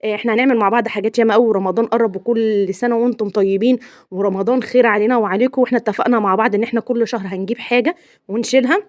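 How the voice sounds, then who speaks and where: A woman's voice: a little high, fairly even intonation, very fast, dry recording, studio quality. A young woman with an Egyptian Arabic accent, narrating her home vlog in a chatty, playful way and laughing often. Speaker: home vlogger.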